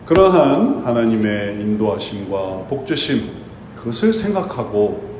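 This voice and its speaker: A man preaching a sermon in an animated way, often acting out imagined believers. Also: lowish voice, a little slow, a little hiss or hum. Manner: animated, voices imagined believers in quoted speech. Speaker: pastor. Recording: echoey room with faint ambience.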